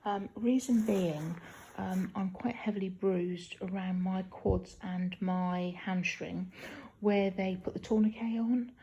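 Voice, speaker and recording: A woman talking casually in a halting video diary from a hospital room, sounding weak and tired and in some pain hours after surgery. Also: mid-range voice, fairly even intonation, warm tone, a little hiss or hum, poor audio. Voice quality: husky, creaky. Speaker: patient recording a post-op video diary.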